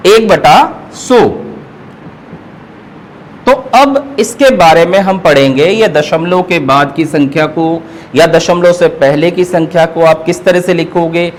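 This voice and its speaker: Male teacher, online class, high voice, unhurried, patient explainer. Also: a little hiss or hum, low-quality recording. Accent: Hindi, North Indian. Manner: slow, patient explaining, often checks in with students. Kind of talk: online math lesson.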